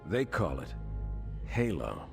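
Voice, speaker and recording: A man playing a resolute, battle-hardened older military captain in a video game, gruffly measured and commanding. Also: rumbling low, big pitch swings, full character voice. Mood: stern, grave. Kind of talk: scripted video game acting. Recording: loud game music behind.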